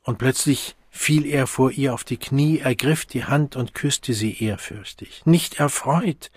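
A man narrates an audiobook in a measured, even manner. His voice is slightly husky and sits mid-range. The recording is dry and close. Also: mid-range voice, no room sound.

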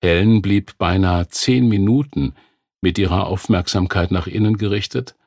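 A man reading a nonfiction text aloud in a calm, measured narration. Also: sits low, vocal fry, no echo, clean studio sound. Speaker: audiobook narrator. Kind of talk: scripted narration.

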